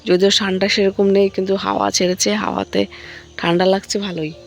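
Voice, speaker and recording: A woman vlogging about her morning at home with a hoarse voice, chatting to viewers and coaxing her young son along. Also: medium pitch, level tone, fast talker, soft background music. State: hoarse, worn-down voice. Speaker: vlogger and mother. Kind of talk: casual daily family vlog. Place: at home, partly outdoors on a foggy morning.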